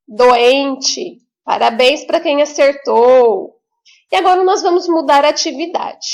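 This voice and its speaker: Brazilian teacher lady talking to little kids, high gravelly voice, stretches words out slow and sing-song. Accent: Brazilian Portuguese. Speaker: primary school teacher. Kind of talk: remote lesson for young children.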